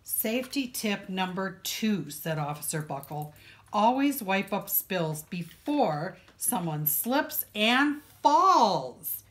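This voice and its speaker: Reading to children from a picture book, a woman librarian uses her mid-range voice for expressive storytelling. She stresses key words with deliberate, dramatic weight.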